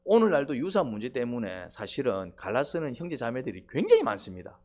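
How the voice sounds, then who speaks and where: A man's voice: mid-range voice, huge pitch swings, brisk, a little mellow. A middle-aged male pastor preaching a sermon, quizzing the congregation with rhetorical questions and prompting "eh?".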